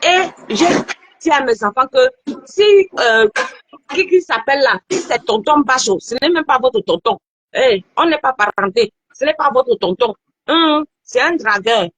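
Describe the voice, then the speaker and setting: A woman in her thirties telling a story in an animated, repetitive way during a casual chat. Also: sits high, unhurried, husky, no room sound. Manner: animated storytelling, repeats phrases.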